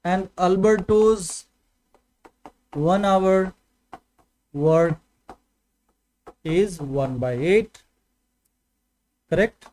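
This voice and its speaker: Indian man, maths teacher; high, mellow voice, patient and repetitive, keeps checking in with students. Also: very slow, long pauses, poor audio. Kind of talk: online maths lesson.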